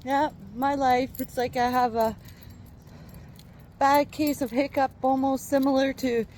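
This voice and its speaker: A woman's voice: high voice, fairly even intonation, unhurried, darkish tone. A woman chatting casually to viewers as she walks outdoors, hiccuping over and over as she talks. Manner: chatty, rambling, talking to viewers. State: hiccuping repeatedly. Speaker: vlogger. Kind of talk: casual walking vlog. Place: outdoors walking along streets. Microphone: handheld phone while walking. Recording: outdoor phone recording with street noise.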